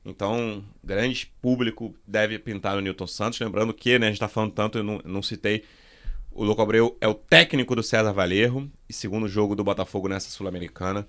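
A man hosting a casual sports podcast, brisk as he steers and thanks his guests. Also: fairly low pitch, fairly even intonation, fairly bright tone. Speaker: podcast host.

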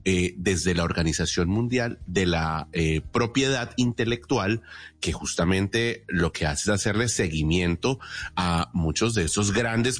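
A man with a Colombian accent hosting a radio programme, explaining things didactically and emphatically with rhetorical questions. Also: low-pitched. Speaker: radio host. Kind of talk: explanatory radio presenting and interviewing.

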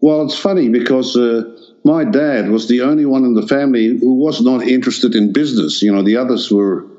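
An older Dutch-born man, a native Dutch speaker appearing as an artist guest, answers interview questions hesitantly with lots of fillers and restarts. His medium-pitched voice is mellow and a bit quick, and the recording lacks high frequencies.

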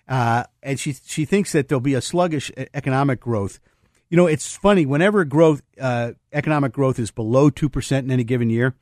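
A man's voice: medium pitch, darkish tone, dry recording, studio quality. A man hosting a financial talk radio show, rambling through market views with many fillers and restarts. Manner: explains market terms plainly.

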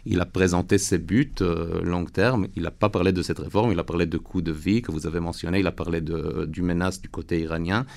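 Male interview guest, non-native French with foreign accent, very low gravelly register, earnest and halting delivery. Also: a little mellow. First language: not French. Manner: earnest, halting phrasing with searching for words. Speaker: interview guest, lawyer and reservist. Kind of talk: radio interview answers.

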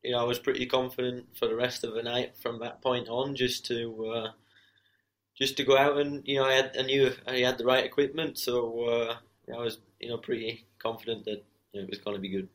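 A man's voice: mid-range voice, fairly even intonation, a little fast, a bit bright, poor audio. Understated male racer being interviewed. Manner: modest, understated, leans heavily on "you know". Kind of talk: casual interview answers.

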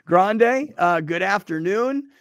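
A middle-aged man hosting a sports talk radio show, energetic and conversational. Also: high-pitched, slow pace, creaky, clean tone, no echo.

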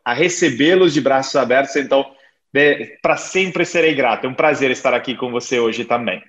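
A man in his thirties from Genoa, Italy, speaking Portuguese with an Italian accent as a podcast guest, telling his story with animated pauses and hesitations. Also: mid-range voice. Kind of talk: conversational interview. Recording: slightly dull lo-fi sound.

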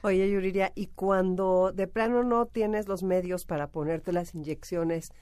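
Mexican woman, radio host, lowish voice, dry studio mic. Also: unhurried, a little mellow, no room sound. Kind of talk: conversational interview. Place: radio booth.

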